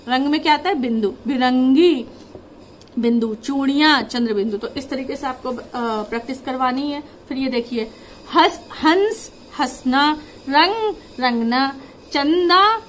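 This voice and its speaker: A woman teaching a lesson, reading example words slowly and explaining how to teach them to children. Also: high-pitched, a little hiss or hum, low-quality recording. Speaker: teacher presenting a worksheet lesson.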